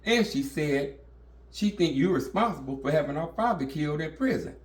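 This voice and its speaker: A man's voice: fairly high pitch, animated, moderate pace, reverberant, recorded from a distance, close to an everyday voice. Man doing a cold vengeful son. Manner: cold, threatening, matter-of-fact.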